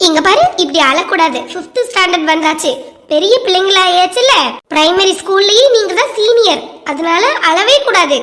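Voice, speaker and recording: A woman's voice: very high-pitched, normal speed, a bit bright, pitched below the performer's own voice. A woman with a Kanyakumari Tamil accent voicing a stern but kindly female schoolteacher who lectures and chides in a cartoon. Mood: lecturing. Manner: lecturing, chiding. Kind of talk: cartoon voice-over.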